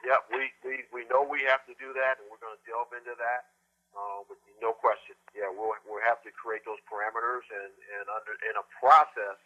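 An older man answering reporters' questions over a conference call line, halting and often restarting with repeated words. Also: medium pitch, fairly even intonation, pushed and bright. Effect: heard over a conference call line. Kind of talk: press teleconference answers. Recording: dull lo-fi call audio.

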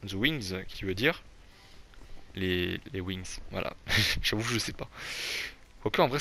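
With a lowish voice marked by vocal fry and a bright, forceful tone, a young man rambles casually through a football manager game for his channel. He often restarts his sentences, uses plenty of fillers, and jokes self-deprecatingly about his English accent.

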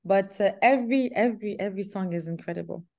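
A young woman singer from Canada talks over a laptop webcam in a small room. Her voice is mellow and mid-pitched. She answers haltingly, restarting phrases as she goes. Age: young adult. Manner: hesitant, restarts often, laughs softly. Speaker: singer interviewee. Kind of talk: casual video-call interview. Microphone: laptop webcam on video call.

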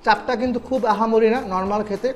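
A woman's voice: fairly high pitch, steady tone, quick pace, darkish tone, slight background noise. A woman reviewing food for her viewers in a chatty way, talking while chewing. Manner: chatty, addresses viewers directly. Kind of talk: casual food review vlog. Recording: faint music behind.

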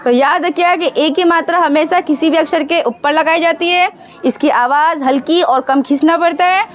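High-pitched woman teaching young children. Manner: patient, slow and drawn-out sounding of syllables, asks the children questions. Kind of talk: children's Hindi lesson.

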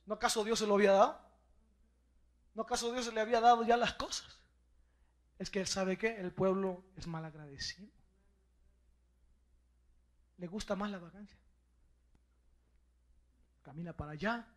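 A male pastor with a Mexican Spanish accent preaching a sermon, acting out quotes and breaking into sudden shouts. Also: sits high, moderate pace, long pauses.

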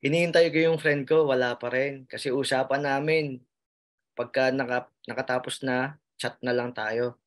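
A man's voice: medium pitch, fairly even intonation, normal speed. Filipino man, nurse interviewee, earnest, heartfelt storytelling, mid-range voice. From Philippines. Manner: earnest, addresses host as sir, frequent fillers and restarts. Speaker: interviewee, nurse who passed the licensure exam.

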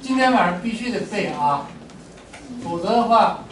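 A man teaching a classroom language lesson, joking and animated with his students. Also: high voice, normal speed. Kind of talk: classroom lecture. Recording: echoey room, mic far off, faint room noise.

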